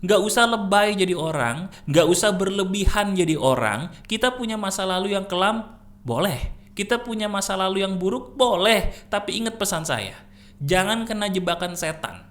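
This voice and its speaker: A man's voice: high-pitched, expressive, moderate pace, fairly bright tone. A man hosting a motivational channel, giving an emphatic, preachy talk in a casual tone. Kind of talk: motivational monologue.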